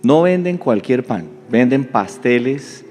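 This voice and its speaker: A male pastor preaching a sermon as an animated storyteller who acts out the voices in his story. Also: mid-range voice, slow. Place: church sanctuary. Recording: reverberant church hall, soft music.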